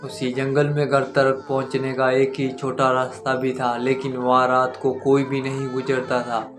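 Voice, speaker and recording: A man narrating a scripted first-person horror story in a measured, monotone way, addressing his listeners directly as the channel's host. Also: medium pitch. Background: faint background music.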